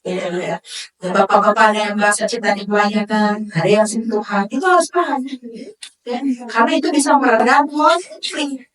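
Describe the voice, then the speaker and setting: A woman gives a lively talk on marriage to a live audience. She keeps slipping into high, dramatic voices to act out wives and husbands. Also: brisk. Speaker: speaker at a religious study session. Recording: echoey hall, voice from far off.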